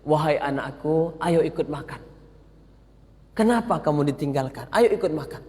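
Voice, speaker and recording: A preacher voicing a gentle, wise old monk in a low, hushed tone, recorded in an echoey mosque hall. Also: male voice, animated, normal speed, lightly acted. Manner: low hushed tender delivery.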